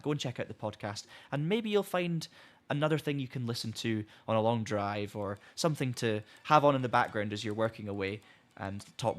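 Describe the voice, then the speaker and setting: His voice sits on the low side with a fairly bright tone as he chats casually on a live stream. He reads out viewer comments, rambling amiably and starting sentences over, and tells viewers he's losing his voice.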